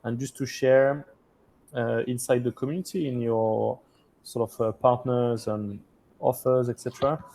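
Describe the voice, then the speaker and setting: A man with a French accent hosts a webinar over a video call from a hotel room. His voice is dark and gravelly, and he speaks haltingly, restarting his phrases and filling gaps with "uh.". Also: medium pitch, steady tone. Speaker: host of an investor community webinar. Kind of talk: hosting a webinar Q&A.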